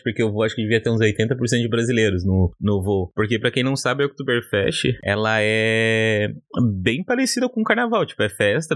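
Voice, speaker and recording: A man's voice: mid-range voice, no echo, clean studio sound. A man from São Paulo with a São Paulo accent, co-hosting a podcast and telling a travel story casually, rambling with many fillers and restarts. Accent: São Paulo Brazilian Portuguese. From São Paulo, Brazil. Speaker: podcast co-host.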